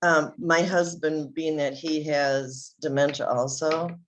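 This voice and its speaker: Low-voiced woman asking from a distance. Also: fairly even intonation, slow, slight background noise. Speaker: caregiver asking questions.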